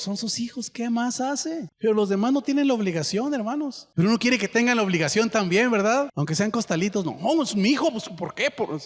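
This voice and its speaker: Man, pastor preaching, emphatic delivery, high voice, long church-hall reverb. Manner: emphatic, keeps addressing the congregation as "hermano", acts out quoted voices. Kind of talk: sermon.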